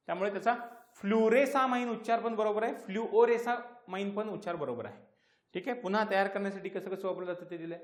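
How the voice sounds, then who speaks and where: A high-pitched male teacher with a Marathi accent, drilling students through an exam-prep lesson. He poses questions and answers them himself, and he hammers home terms by repeating them. His voice rings in an echoey room.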